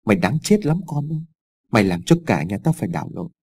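A man's voice: lowish voice, sing-song, fast talker, darkish tone, voice pushed down. A man voicing a guilt-crazed old village father who stammers through a half-mad confession in an audiobook story.

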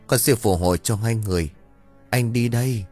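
Một người đàn ông đọc lời hồn ma cậu bé chết đuối nhập vào bà đồng, giọng buồn bã, dặn dò. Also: male voice, on the low side, normal speed, soft background music, pitched above the performer's own voice, lightly acted. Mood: sorrowful. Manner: mournful, gently admonishing. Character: drowned boy's ghost speaking through an old woman.

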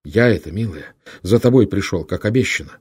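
A man's voice: lowish voice, animated, fairly quick, darkish tone, slightly rough, dry recording. A man voicing a grim young prince bent on vengeance, speaking sternly in an audiobook. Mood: earnest. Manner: stern, heavy-hearted speech. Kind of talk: audiobook character voice.

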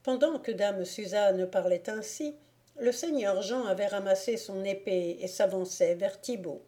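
A woman reading a novel aloud as an audiobook narrator in a measured way. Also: medium pitch, dark tone. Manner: slow, measured. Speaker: audiobook reader. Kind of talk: scripted narration.

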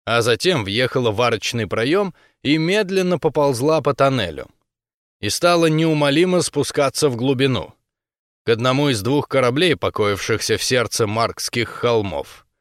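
A man narrates an audiobook from a script in a steady, even storytelling manner. His voice is medium-pitched and moderately paced, recorded with clean studio sound and no room sound.

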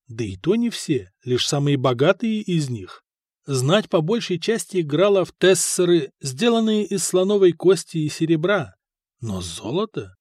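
A male audiobook narrator with a somewhat high voice, reading in a measured storytelling style. The recording is close and dry, with no room sound. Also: a little mellow, no echo. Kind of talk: scripted narration.

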